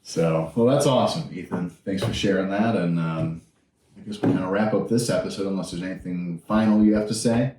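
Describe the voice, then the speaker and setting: An easygoing young man with a very low voice, co-hosting a podcast. He sits away from the mic in an echoey room, with faint noise underneath. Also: brisk, dark tone, distant mic. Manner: easygoing, agreeable. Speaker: podcast co-host. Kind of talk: casual chat.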